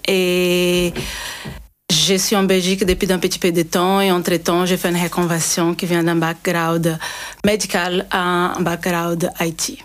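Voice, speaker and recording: A woman's voice: on the low side, flat delivery, unhurried. Brazilian-accented woman, radio guest. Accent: Brazilian Portuguese. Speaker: guest, cybersecurity consultant. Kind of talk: radio interview.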